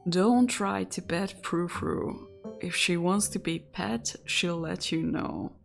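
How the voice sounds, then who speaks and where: A woman voicing a brusque, impatient woman giving a house tour, reading her lines slowly and curtly. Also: on the low side, vocal fry, faint music behind.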